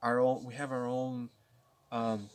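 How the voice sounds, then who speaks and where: A man's voice: mid-range voice, little pitch movement, measured pace, a little hiss or hum. A nineteen-year-old man vlogging to his viewers, rambling and restarting often as he thinks aloud. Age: late teens. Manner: rambling, with many restarts and stammers. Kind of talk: casual talk to camera.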